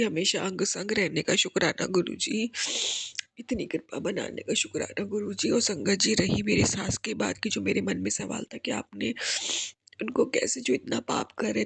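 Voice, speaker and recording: A woman's voice: medium pitch, gravelly, breathy edge, dry recording. A woman giving an earnest, tearful devotional testimony, pleading and repeatedly addressing the congregation.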